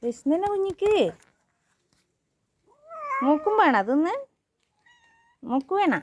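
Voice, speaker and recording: A woman's voice: very high voice, lively intonation, slow pace, a little mellow, slight background noise. A woman, coaxing her pet cats in sing-song baby talk full of repeated questions. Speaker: pet owner vlogger.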